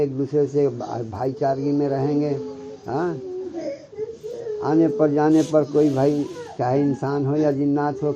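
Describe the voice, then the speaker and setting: A man giving a devotional sermon as a Sufi spiritual guide, often stopping to check with his listeners and slowly reciting Arabic scripture. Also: a little high, background noise. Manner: keeps checking with listeners, "hmm?". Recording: muffled lo-fi recording.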